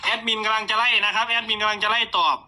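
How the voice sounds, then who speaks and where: A hoarse man with an Isan Thai accent hosts a casual livestream, chatting to viewers and rattling off numbers. His voice sits high for a man and rings very bright and sharp. The cold roughens it throughout. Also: monotone, racing. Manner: chatty, reads numbers aloud, talks to viewers. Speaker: lottery tips livestream host.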